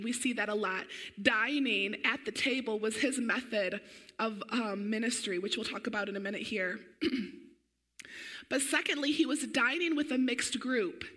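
Energetic yet conversational, a female pastor delivers her sermon in a fairly high-pitched voice that sounds slightly weak, with frequent throat-clearing.

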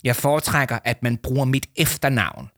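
A man's voice: mid-range voice, fairly even intonation, dry recording, studio quality, natural voice. A man voicing a scornful, condescending adult debater in a children's audiobook. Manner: sneering, scornful.

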